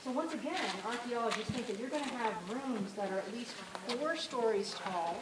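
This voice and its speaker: A woman acting as a ranger guide, talking a tour group through ruins in an animated, engaging way. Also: a little high, normal speed. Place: outdoors at cliff dwellings. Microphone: distant camera in the crowd. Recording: distant echoey outdoor sound, loud noise.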